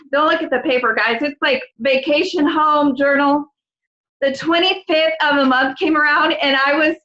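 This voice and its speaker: High bright woman giving an emotional pep talk. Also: lo-fi sound. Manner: gushing, emotional, fast-talking, says "guys" often. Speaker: guest team leader.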